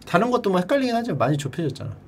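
A man streaming and chatting casually, drilling words by repetition in a playful way and breaking into shouted cheers. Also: sing-song, rapid-fire, a little hiss or hum. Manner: playful, drills words by repeating them in a high echo. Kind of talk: casual livestream chat.

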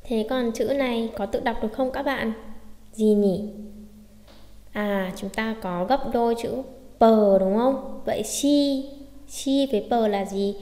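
A woman's voice: fairly high pitch, a little slow, mellow, reverberant, long reverb tail. A woman teaching a language lesson in a questioning, self-answering way, explaining how to read and type words. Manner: asks questions then answers them herself. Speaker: Japanese teacher.

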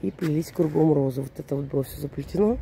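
Hoarse with a cold, a vlogger in her forties chats her way around a seaside resort early in the morning, rambling and self-correcting. She's a Russian speaker living in Germany, and her low, mellow voice moves fast, with slight background noise.

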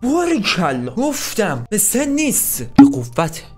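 A man's voice: sits high, huge pitch swings, a little mellow, soft background music. A man commentating a football video game, teasing and urging the players on screen. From Iran. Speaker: gaming YouTuber.

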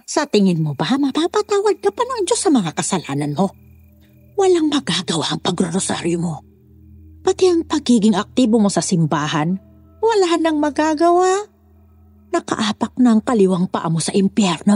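A woman's voice: medium pitch, very animated, moderate pace, darkish tone, husky, no room sound, soft background music. A woman playing a scheming, commanding older woman in a dramatized horror story, speaking in a scolding, condescending manner.

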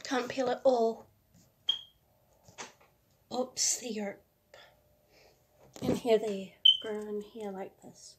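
Sitting indoors at a kitchen or dining table, a young adult woman runs a homemade food challenge vlog, offering brief, hesitant casual comments as she cooks and eats. Her pitch sits on the high side and her tone stays steady. A phone held up at arm's length records her, producing a very noisy track full of clicks.

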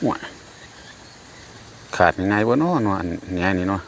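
A man with an Isan accent talks casually as he fishes outdoors, his low voice leaping into excited shouts. Insects and crickets buzz steadily all around him. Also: moderate pace, vocal fry, a little hiss or hum. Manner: excitable, loud exclamations while fishing. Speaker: fishing vlogger. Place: outdoors by natural water.

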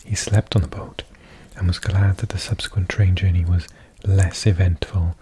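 A man whispering softly and unhurriedly as an ASMR host, reading aloud close to the mic. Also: deep voice, little pitch movement. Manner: soft, breathy ASMR whisper, slow and unhurried.

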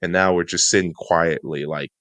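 A man's voice: low-pitched, fairly even intonation, moderate pace, fairly bright tone, dry recording. A man co-hosting a casual studio podcast, speaking in an emphatic, motivational way. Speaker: podcast co-host.

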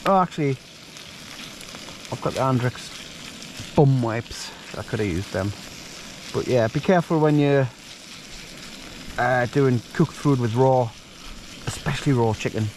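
A man's voice: medium pitch, measured pace, long pauses, a little mellow, slight background noise. A man chatting casually and joking as he cooks and shows gear at a wild camp outdoors at night. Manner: chatty, joking, rambling asides. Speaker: outdoor vlogger. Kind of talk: casual outdoor cooking vlog.

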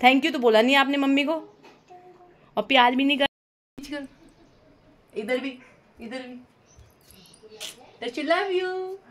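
Young mom baby-talking her little one at home, high lilting voice, slow and drawn out, teasing and giggly. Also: steady tone. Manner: teasing, coaxing, laughs often. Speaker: mother and family vlogger. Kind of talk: playful baby talk with a toddler.

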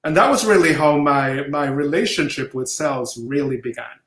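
A middle-aged man from Jamaica, a professor, answering interview questions over a video call with measured storytelling. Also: a little high, fairly bright tone. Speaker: guest professor. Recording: roomy video-call audio.

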